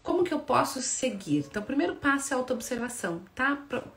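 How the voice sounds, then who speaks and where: A woman's voice: high voice, fast. Brazilian woman psychologist in echoey room. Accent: Brazilian Portuguese. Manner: lively, addresses listeners directly with frequent checks. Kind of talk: explanatory talk to viewers. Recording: echoey room with faint background noise.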